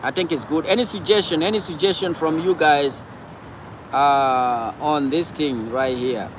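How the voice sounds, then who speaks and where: A man's voice: on the high side, measured pace, background noise. A man from Cameroon, hosting a casual livestream and talking back to viewer comments, often repeating himself. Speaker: livestream host.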